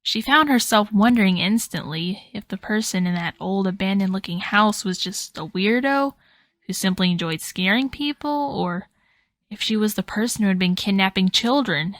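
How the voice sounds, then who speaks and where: Woman reading a spooky story out loud, dramatic, dry close mic. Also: mid-range voice, dry recording. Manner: expressive, dramatic. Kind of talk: scripted storybook narration.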